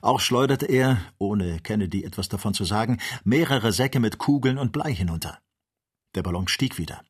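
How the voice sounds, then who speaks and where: An audiobook reader, a man, narrates a scripted story in a measured, even manner. His voice is fairly low with a breathy edge.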